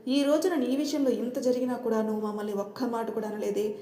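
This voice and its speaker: A woman's voice: a little high, fairly even intonation, fast talker, dark tone, natural voice. A woman voicing a stern middle-aged mother full of remorse. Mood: remorseful. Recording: roomy reverberant room.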